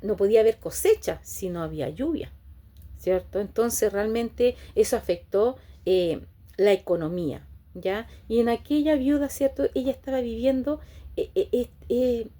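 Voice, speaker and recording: A woman's voice: fairly high pitch, warm tone. A woman preaching a sermon to her congregation. She asks them rhetorical questions and ends nearly every phrase with a questioning "right?".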